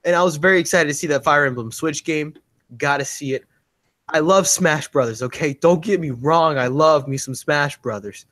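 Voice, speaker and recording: A man's voice: on the high side, moderate pace, fairly bright tone. A man co-hosting a gaming podcast in casual chat, talking emphatically with frequent laughs and asides. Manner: chatty, laughs often, emphatic asides like "okay?". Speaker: podcast co-host.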